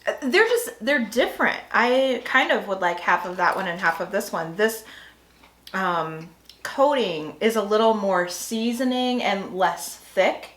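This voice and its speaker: A woman's voice: mid-range voice, lively intonation, measured pace, fairly bright tone. An American woman chatting casually and enthusiastically as she reviews food on a vlog. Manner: enthusiastic, exclaiming. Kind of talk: casual taste-test chat. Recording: echoey room.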